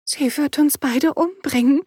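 A woman voicing a nervous middle-aged mother who speaks softly and hesitantly. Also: high-pitched, unhurried, no echo, clean studio sound, pitched above the performer's own voice. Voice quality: soft, hesitant.

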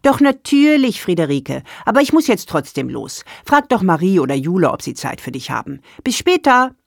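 Narrator doing old mom, kinda mumbly, polite but lost, gravelly edge. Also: mid-range voice, big pitch swings, normal speed, no room sound, studio quality, pitched above the performer's own voice. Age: older. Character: elderly confused mother, polite and proud. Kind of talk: audiobook character dialogue.

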